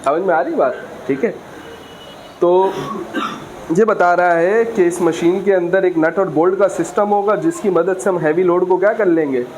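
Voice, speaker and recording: A man teaching a physics class, reading English lines slowly and explaining with frequent questions to students. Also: high voice, a little mellow, a little hiss or hum, low-quality recording. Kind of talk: classroom lecture.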